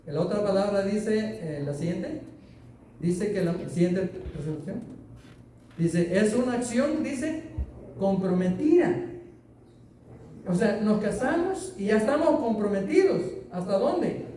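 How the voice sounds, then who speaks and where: High-voiced pastor preaching in an echoey hall. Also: male voice, lively intonation, a little slow, pauses often, mellow, far from the mic. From Latin America. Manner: conversational preaching with anecdotes and questions to the congregation. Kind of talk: sermon. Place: church hall. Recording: very echoey room, voice from off-mic, faint hiss.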